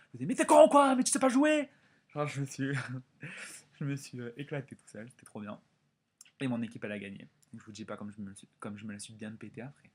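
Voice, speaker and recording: A young man in his twenties from France telling a story in a casual vlog, animated and chatty with lots of quoted dialogue. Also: lowish voice. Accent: French. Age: 20s. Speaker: vlogger.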